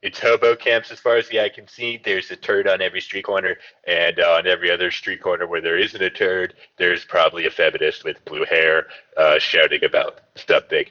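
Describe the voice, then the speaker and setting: A man co-hosting a satirical comedy podcast, mock-serious and halting, with many fillers. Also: deep voice, level tone, sharp tone, muffled recording. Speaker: podcast co-host.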